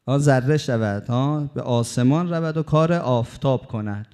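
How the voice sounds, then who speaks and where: A man voicing a wise, gentle holy man who gives slow, instructive guidance. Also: medium pitch, clean tone, close to an everyday voice. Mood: guiding.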